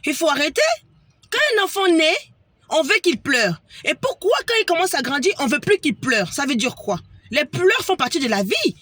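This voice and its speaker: A high-voiced woman retells a story as an indignant rant. Her voice is bright and sharp, and she often stumbles over repeated words. The sound is dry and close. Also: very animated, normal speed, no room sound. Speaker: vlogger.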